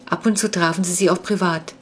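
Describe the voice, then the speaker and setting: A woman reading her own children's book aloud in a clear, even storytelling way. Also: fairly low pitch, a little fast, a little hiss or hum. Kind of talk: children's audiobook narration.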